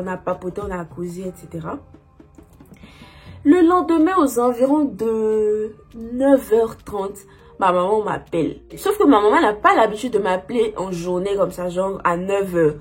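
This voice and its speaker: A young woman recounts a personal story in a relaxed, chatty way, sprinkling in fillers as she goes. Her voice is mid-pitched and quite husky, with a breathy edge. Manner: chatty, lots of "genre" and "en fait" fillers. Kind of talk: casual spoken storytelling.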